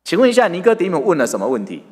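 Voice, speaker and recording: A man preaching a sermon, retelling the story lively and asking his listeners questions. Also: high voice, very fast. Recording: long hall reverb.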